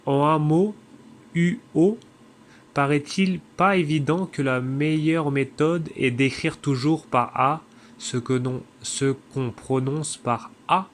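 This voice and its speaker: A man reading a classic text aloud in a measured way, now and then stumbling and correcting himself. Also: fairly high pitch, fairly even intonation, a little hiss or hum. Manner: measured, with occasional slips and self-corrections. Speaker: reader.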